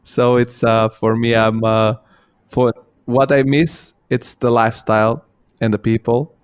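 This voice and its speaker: A podcast host born in Bulgaria and raised in Italy, whose first language is Bulgarian or Italian, runs a casual interview, speaking hesitantly with lots of fillers and restarts. His medium-pitched voice is smooth and a little slow, with little pitch movement, recorded dry with clean studio sound.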